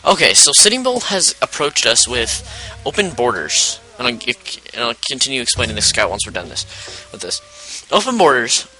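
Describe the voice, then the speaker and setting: Over game music, a man with a medium-pitched, pushed, bright voice does casual let's play commentary on a low-quality recording. His talk rambles, explains how the game works as he plays, and is full of self-interruptions.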